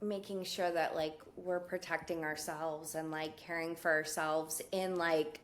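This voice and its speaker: A woman's voice: sits low, steady tone, unhurried, a little hiss or hum. A woman from California, a professor talking as a podcast guest in a casual, rambling way, filling her speech with "like" and "you know, right?". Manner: chatty and digressive, full of "like" and "you know, right?".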